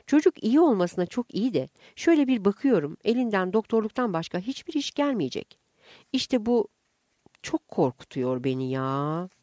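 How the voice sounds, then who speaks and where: A woman's voice: mid-range voice, big pitch swings, moderate pace, dark tone, no echo, voice pushed up. A woman voicing an anxious mother who gossips in a raised, emphatic voice, in a dry recording. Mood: fretting.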